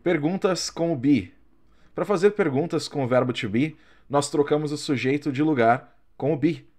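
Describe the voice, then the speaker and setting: A man whose first language is Portuguese, teaching an English grammar lesson and reading out example forms slowly and carefully. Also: a little high, a little mellow. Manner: slow, carefully spaced explanations with drawn-out English examples.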